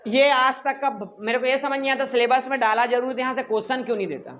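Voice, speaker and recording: A man teaches a class in an animated, joking way, quizzing and teasing his students and snapping at the chatty ones. He sounds like a lively classroom lecture. Faint noise sits under his voice. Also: extremely high pitch, quick pace.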